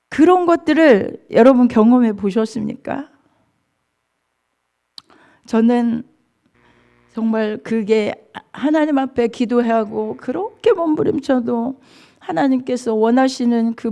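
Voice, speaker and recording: A woman pastor preaching at a church revival meeting, dropping to soft asides and rising to crying shouts. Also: a little high, vocal fry. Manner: leads the congregation in Bible reading. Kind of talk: revival sermon.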